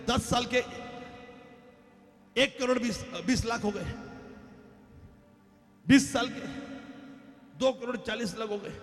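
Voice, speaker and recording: A man preaching a sermon, swinging between loud shouts and hushed, dramatic passages. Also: extremely high pitch. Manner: preaching with sudden shouts and dramatic dips, mixing Hindi and English. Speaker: pastor. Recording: echoey hall with faint music.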